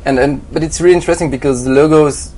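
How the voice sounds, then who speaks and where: A Swiss graphic designer, a guest in an interview, gives halting conversational answers full of fillers and restarts. His voice is fairly high and warm and he talks fast, though the audio is poor, with a bit of hiss or hum.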